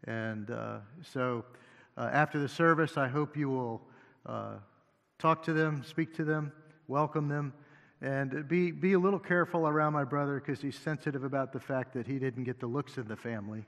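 A male associate pastor preaching a sermon at a pulpit microphone in a church sanctuary, unhurried and halting with many fillers, joking gently now and then. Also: medium pitch. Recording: long hall reverb.

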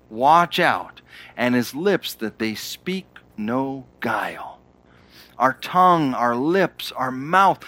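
Middle-aged guy preaching, bouncy voice that jumps up high for emphasis, dry close sound. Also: a bit bright, dry recording. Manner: conversational preaching with sudden emphatic rises. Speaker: pastor. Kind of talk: sermon.

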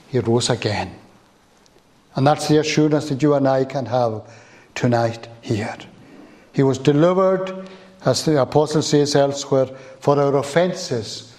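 A man preaching a sermon in a church, slow and emphatic, lifting his voice on key words. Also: mid-range voice, a little mellow.

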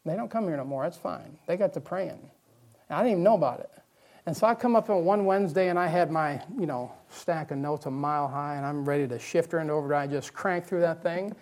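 Gravelly preacher man. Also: on the high side, fast. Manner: emphatic, repeats key phrases, swings between loud declarations and quiet asides. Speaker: pastor. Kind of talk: sermon.

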